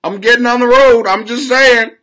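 On a live stream recorded by the webcam at his desk in a small home room, a man in his forties rants loudly and crudely in a very high-pitched voice at normal speed. The rambling comedy bit is full of laughter, moving from shouting to mumbling.

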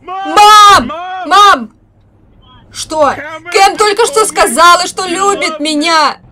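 A woman plays a groggy teenage boy just out of dental surgery, whining and close to tears as he rambles. The voice sits high and is muffled by a hand held over the mouth. A crowd murmurs in the background. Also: slow pace. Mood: excited. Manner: whiny, tearful, rambling. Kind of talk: voice-over dub of a family vlog.

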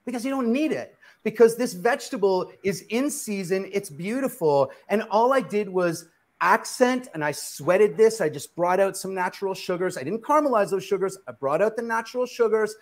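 During his live cooking demo, the middle-aged chef preaches emphatically, rapid-firing questions and answering them himself. His voice is fairly high with lively intonation and normal speed, recorded by a camera from across the kitchen studio.

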